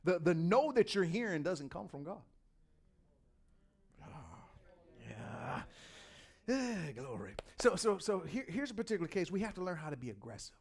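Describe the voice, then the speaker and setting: A middle-aged male pastor preaching a sermon, repeating words and swinging from quiet asides to loud, driving points. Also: high voice, sing-song, normal speed, vocal fry, long pauses, breathy edge.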